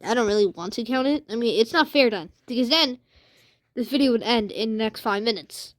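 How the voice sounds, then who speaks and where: A woman's voice: on the high side, fairly quick, dry recording, clean studio sound. A woman hosting a casual alternate-history map commentary, rambling with lots of fillers and unsure asides. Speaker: channel host.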